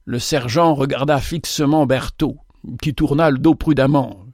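A man's voice: medium pitch, steady tone, a little mellow, no room sound. Man narrating a story, dry sound. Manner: measured storytelling.

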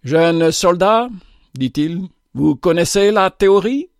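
A man's voice: high voice, animated, slow, clean tone, no room sound, voice pushed up, full character voice. Through a dry, close sound, a strict old army sergeant lectures his young men in a firm, set voice, as a man reads him out. The tone is somewhat raised, and he is a hardened veteran. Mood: stern.

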